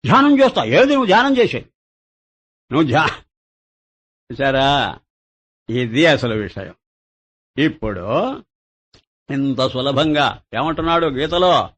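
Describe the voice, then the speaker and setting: Spiritual teacher guy on a mic, pitch goes way up and down, keeps firing questions at ppl and scolding them. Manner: lively, rhetorical questions, teasing scolding. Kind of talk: spiritual discourse. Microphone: speaking into a microphone.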